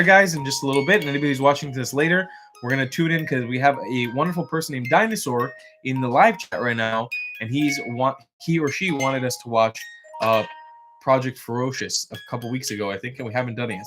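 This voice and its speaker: A man's voice: medium pitch, fast, fairly bright tone. Guy chatting on a livestream, kinda sleepy and yawny, rambles with lots of ums, faint music behind. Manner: chatty, rambling, frequent fillers and restarts. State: yawning, tired. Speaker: livestream host. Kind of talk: casual livestream chat.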